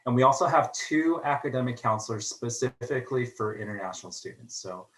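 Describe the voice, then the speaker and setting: Over a video call, a man from a college's international student services office presents an online information session for new students. His mid-range voice has lively intonation, and his friendly delivery is full of "um" and "uh" in the pauses.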